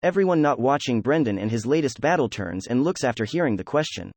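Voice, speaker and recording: Male audiobook narrator, steady and even, medium pitch, dry close recording. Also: quick pace, dry recording. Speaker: audiobook reader. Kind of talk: fan fiction audiobook narration.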